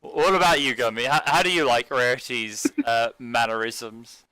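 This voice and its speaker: A man's voice: mid-range voice, steady tone, normal speed, bright, forceful tone. A man co-hosting and editing a casual podcast, teasing and laughing often. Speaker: podcast co-host and editor.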